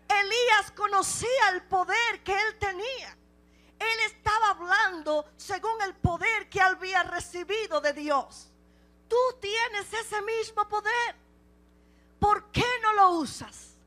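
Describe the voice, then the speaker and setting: High, bright-voiced woman preaching fervently. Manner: impassioned, repeats rhetorical questions; swings between loud exclamations and hushed passages. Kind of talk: sermon.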